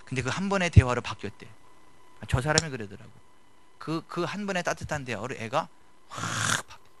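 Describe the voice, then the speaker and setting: A middle-aged man preaching a sermon in a conversational style, swinging from loud to hushed. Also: mid-range voice, animated, brisk, noisy background. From South Korea. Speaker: pastor.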